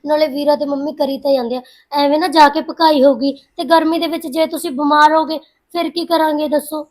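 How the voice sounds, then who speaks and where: A sensible young sister who keeps urging patience and care, played by a woman. She speaks softly in a fairly high voice, coaxing rather than arguing. She is a figure in a family drama. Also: steady tone, brisk, lightly acted.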